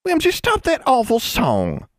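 A man doing a curt, sharp-tongued girl. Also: sits high, huge pitch swings, unhurried, husky, dry recording, studio quality, voice pushed up, full character voice.

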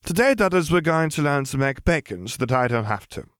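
A man's voice: a little high, sing-song, fairly quick, no echo, clean studio sound, voice pushed up. A man doing a blunt, bossy young witch girl. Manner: blunt, matter-of-fact, bossy.

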